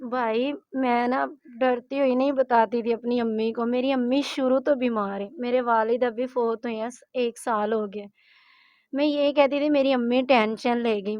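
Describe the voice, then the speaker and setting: A woman speaks in a fairly high, pleading voice, recounting her troubles with distress. The recording is slightly dull and dry. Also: no room sound. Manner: pleading, distressed, talks of hardship. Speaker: interviewee, mother.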